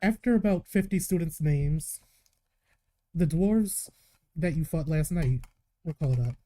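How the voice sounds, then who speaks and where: A man narrating a live tabletop game as game master, telling the story calmly and slipping into short in-character lines. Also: a little high, unhurried. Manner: calm storytelling with in-character asides.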